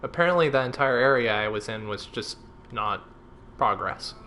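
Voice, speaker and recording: A man's voice: mid-range voice, expressive, normal speed, crowd noise. A young man streaming a video game, chatting casually and laughing often at his own jokes. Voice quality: giggly, joking, laughs often. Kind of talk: casual gameplay chat.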